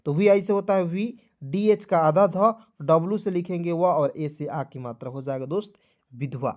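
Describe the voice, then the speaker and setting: A man's voice: on the high side, moderate pace, darkish tone, muffled recording. A male teacher giving a beginners' spelling lesson, repeating each step and coaxing his viewers along as friends.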